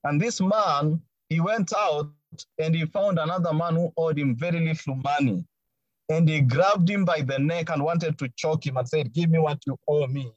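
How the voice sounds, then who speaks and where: A man's voice: on the high side, normal speed, no room sound. A man preaching a sermon in an emphatic way, repeating his key phrases. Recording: dull lo-fi recording.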